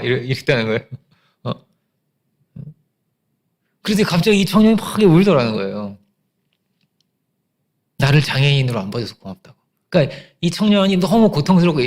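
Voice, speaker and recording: A man preaching a Sunday sermon as pastor, telling a story in an animated way, acting out quoted voices and trailing off into fillers and restarts. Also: a little high.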